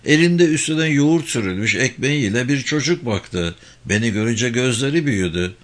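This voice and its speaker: A man narrating a story aloud in a steady storybook manner, adding short footnote asides. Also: mid-range voice, moderate pace.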